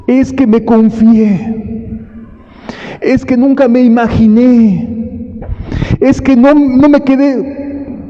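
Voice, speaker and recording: A preacher putting on a desperate pleading believer. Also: male voice, steady tone, very slow, pauses often, big-room sound, highs cut off, full character voice. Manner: pleading, high-pitched and urgent. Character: desperate repentant believer begging the Lord, adult.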